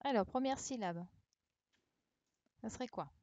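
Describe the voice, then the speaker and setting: A woman's voice: a little high, a little slow, a little mellow, no room sound. A woman teaching a primary class over a live stream, patient and encouraging, repeating each answer for the children. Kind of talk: online class correction, speaking slowly to children. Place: home, remote livestream. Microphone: computer mic on a live stream.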